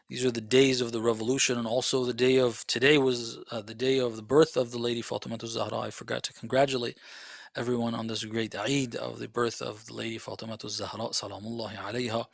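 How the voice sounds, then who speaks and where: Bright-voiced man giving a religious lecture. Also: gravelly, dry recording. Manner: conversational, rhetorical questions, frequent "okay?"; swings between soft low asides and raised emphatic passages. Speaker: Islamic lecturer.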